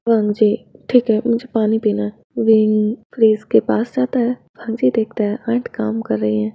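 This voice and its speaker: A woman's voice: a little high, level tone, normal speed, creaky, slightly rough, no echo. A woman reads a romance fan fiction story aloud and voices every character herself, with little change between narration and dialogue. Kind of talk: reading a romance story aloud, doing all parts. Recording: dull lo-fi home recording.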